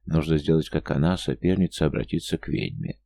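A man narrating a novel in a measured, brooding storytelling manner. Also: very deep voice, steady tone, creaky, dark tone. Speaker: audiobook narrator. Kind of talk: scripted narration.

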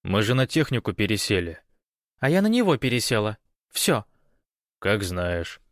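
A man voicing an excitable, chatty man who is a soldier. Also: fairly low pitch, moderate pace, no echo, studio quality. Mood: businesslike.

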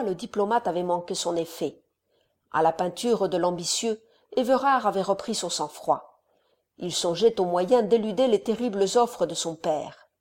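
Woman calmly narrating a classic novel. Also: mid-range voice. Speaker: audiobook reader.

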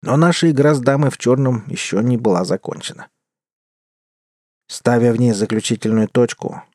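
A man reading a western adventure story aloud in an expressive first-person narration. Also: medium pitch, dry recording, studio quality. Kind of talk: audiobook narration.

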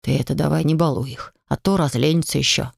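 A woman's voice: low-pitched, steady tone, fast, gravelly, no echo, studio quality, heavily acted. A woman voicing a bossy, boastful male familiar who teases and gives advice. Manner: teasing, bossy.

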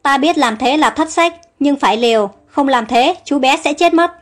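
Kind-hearted young queen for an audio storybook, read by a woman; gentle, high. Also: moderate pace, soft background music, natural voice. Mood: kindly.

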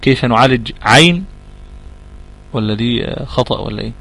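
A man with an Egyptian Arabic accent gives a tajweed lesson at an even, middling pitch. He explains patiently, repeats key points and draws out letter sounds slowly so students can follow. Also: vocal fry, low-quality recording. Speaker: Quran recitation teacher.

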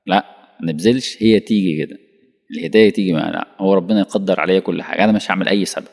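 Egyptian male preacher, low-pitched and rapid, animated with rhetorical questions, recorded in a hall with long reverb. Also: vocal fry. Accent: Egyptian Arabic. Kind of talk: colloquial religious lesson.

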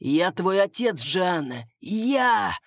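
A woman's voice: on the low side, very animated, slow pace, no room sound, studio quality, heavily acted. A woman reading a gloating villainous king. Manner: mocking, gloating. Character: cruel scheming male king, gloating villain.

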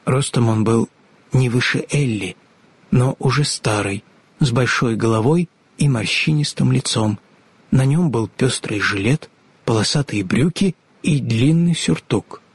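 A man narrating a storybook in an expressive reading style. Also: medium pitch, a little slow, breathy edge, no echo.

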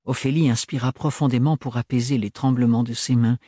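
Husky man reading a novel aloud. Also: medium pitch, fairly even intonation, fairly quick, warm tone, no echo, clean studio sound. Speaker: audiobook narrator. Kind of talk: scripted novel narration.

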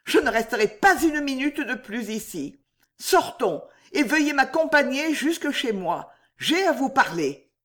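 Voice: medium pitch, expressive, unhurried, pitched above the performer's own voice, close to an everyday voice. A reader voicing a pale, frightened young noblewoman in an audiobook, pleading and shaken, with a raised voice for her lines. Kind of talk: audiobook reading.

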